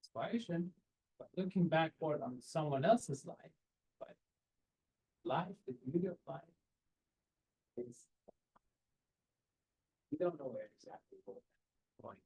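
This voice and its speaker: An Iranian man addresses students in a video-call seminar with earnest, direct career advice, marked by rhetorical questions and non-native phrasing. His fairly high voice is expressive, darkish, and edged with breathiness, and he speaks at a measured pace, pausing often. The recording, made through a webcam, is rough.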